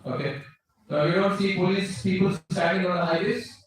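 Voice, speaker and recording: Male lecturer, South Indian accent, instructive, slightly high voice, distant mic. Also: fairly even intonation, moderate pace. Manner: instructive, checks understanding with short tags. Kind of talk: lecture with slides. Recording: very echoey room, distant microphone.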